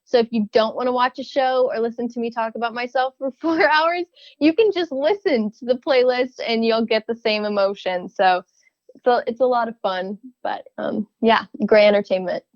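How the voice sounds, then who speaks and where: A young woman guest in a casual interview, speaking thoughtfully with frequent restarts and small soft laughs. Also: fairly high pitch, normal speed, no room sound, highs cut off. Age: young adult.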